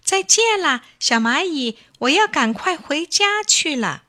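In a children's storybook reading, a small boy rabbit chirps out his questions in a high, lively voice, full of eager curiosity, as a woman puts him on. His voice leaps up and down as he talks and stays bright. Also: unhurried, exaggerated voice. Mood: curious.

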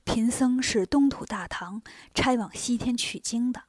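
Woman doing a soft-spoken meek monk. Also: a little high, measured pace, no room sound, studio quality. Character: gentle polite male monk, meek.

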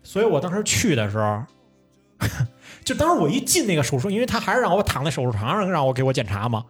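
Young male podcast host, lively swooping delivery, casual and profane. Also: on the high side, quick pace, slightly rough, soft background music. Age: young adult. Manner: animated storyteller, swears, laughs often. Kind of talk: casual chat.

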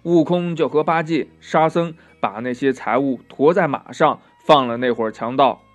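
A man narrating a children's classic tale, gentle and chatty, with asides to his young listeners. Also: mid-range voice, normal speed, faint music behind. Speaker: storyteller.

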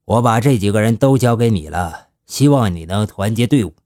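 A male storyteller voicing a shrewd older gang leader who speaks slowly and with fatherly authority. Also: on the low side, expressive, warm tone, no echo, clean studio sound, lightly acted. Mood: measured. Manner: slow, measured, fatherly.

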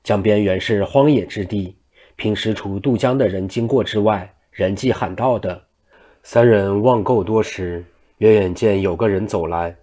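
A male storyteller reading a classical novel aloud in a low voice. His narration is steady and unhurried.

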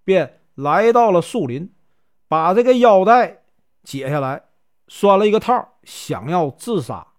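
A man's voice: sits high, big pitch swings, a little slow. A man with a Northeastern Mandarin accent telling a folk tale in a chatty way, drawing words out with fillers. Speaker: storyteller. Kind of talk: spoken folk tale narration.

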